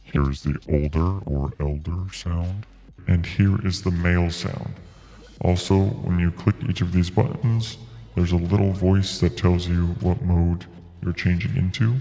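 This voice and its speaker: A man's voice: low-pitched, steady tone, measured pace, dark tone, big-room sound. Man's voice morphed through a voice changer. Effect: voice changer on a gaming mixer, shifting the voice far up or down. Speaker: product reviewer. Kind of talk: gear review demo.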